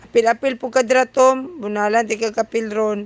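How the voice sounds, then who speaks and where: A woman's voice: on the high side, steady tone, brisk. A woman with a Cebuano accent filming a casual home vlog, coaxing her toddler and slipping in simple English words. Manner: coaxing, mixes English words in for a small child. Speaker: parent vlogger. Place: home room.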